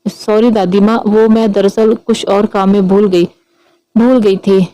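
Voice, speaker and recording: A woman's voice: medium pitch, flat delivery, unhurried, dark tone, dry recording, close to an everyday voice, poor audio. A woman voicing a shy young woman who speaks hesitantly and gets flustered. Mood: apologetic.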